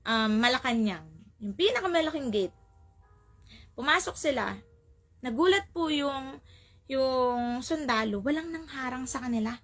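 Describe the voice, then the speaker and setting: A woman preaching a sermon, telling a story in an animated way and repeating phrases for emphasis. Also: high voice, unhurried, long pauses. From Philippines.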